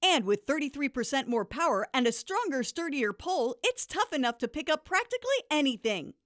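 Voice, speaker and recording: A woman's voice: sits high, very animated, brisk, fairly bright tone, no echo, studio quality. A woman delivering a hard-sell TV ad voice-over as an infomercial announcer, with emphatic, punchy salesmanship.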